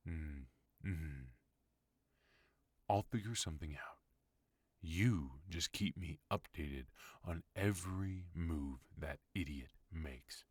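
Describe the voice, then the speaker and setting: In an ASMR audio roleplay, a man plays a ruthless mafia boss who is also a husband, drawling slowly in an extremely deep, breathy-edged voice full of cold, measured menace. The heavily acted performance sounds threatening, recorded dry and close to the mic.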